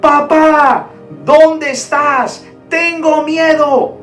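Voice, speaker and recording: A woman's voice: high-pitched, fairly even intonation. A woman doing a frightened little boy crying out. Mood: scared pleading. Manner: slow, pleading cries. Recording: roomy echo, distant mic, soft music.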